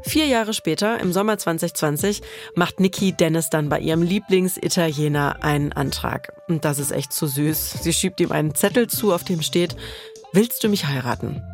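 A woman hosting and narrating a podcast, telling the story in a lively, personal way. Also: sits low.

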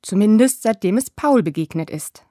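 A woman's voice: mid-range voice, lively intonation, moderate pace, mellow, no room sound, studio quality. Woman narrating a children's program.

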